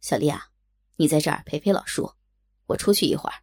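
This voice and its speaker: A woman voicing a man who runs a nightclub, speaking in a brisk, commanding way. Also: sits low, sing-song, creaky, a little mellow, voice pushed down, exaggerated voice. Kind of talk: erotic audio novel reading.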